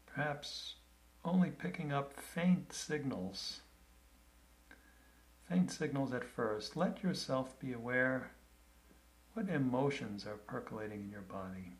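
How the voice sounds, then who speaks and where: Slow, gentle male meditation guide. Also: medium pitch, poor audio. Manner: calm, gentle, unhurried with long pauses.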